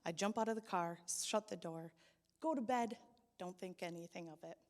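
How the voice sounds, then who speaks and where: This young woman's voice sits fairly low and moves at a normal pace as she tells her testimony to a church gathering. Taking on the voices of the people in her story, she becomes loud and pleading, with long reverb from the hall.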